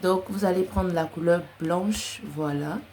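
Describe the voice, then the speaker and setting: A young woman with a low, unhurried, slightly mellow voice gives a casual, chatty crochet tutorial in colloquial language. She isn't a French-only speaker and mentions having a slight accent herself. She addresses listeners informally, girlfriend to girlfriend, sprinkling in colloquial tags.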